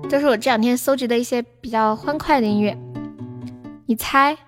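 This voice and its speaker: A woman's voice: fairly high pitch, brisk. A woman hosting a livestream, chatting casually and playfully with viewers. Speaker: livestream host. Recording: music playing behind the voice.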